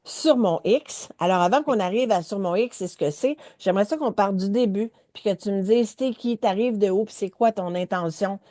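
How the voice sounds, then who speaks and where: Woman, Quebec French accent, coach hosting an interview, mellow voice, dry sound. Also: medium pitch, moderate pace, hardly any pauses, no room sound. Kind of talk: casual interview chat.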